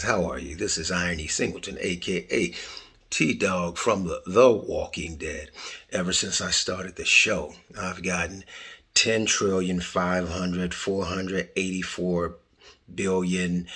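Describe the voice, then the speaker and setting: Middle-aged guy doing a casual podcast intro, kinda low and raspy, jokey, talking right to viewers. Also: bright, forceful tone. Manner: playful, jokey, talks straight to viewers. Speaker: podcast host.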